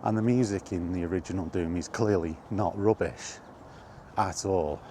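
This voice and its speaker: A man's voice: low-pitched, moderate pace, dark tone, slight background noise. A middle-aged man rambling casually in a personal gaming vlog, reminiscing in an informal way. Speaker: gaming vlogger. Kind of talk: casual rambling chat about retro gaming.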